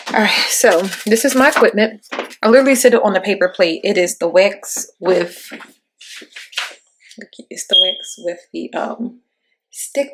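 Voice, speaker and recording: A woman's voice: medium pitch, background noise. A young woman, chatting loosely through an at-home beauty tutorial in her kitchen and swearing casually. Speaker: beauty vlogger.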